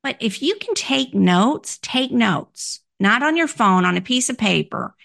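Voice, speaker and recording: Gravelly-voiced woman coaching calmly. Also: a little high. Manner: measured, explanatory, poses questions to listener. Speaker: workplace communication coach. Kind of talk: instructional talk.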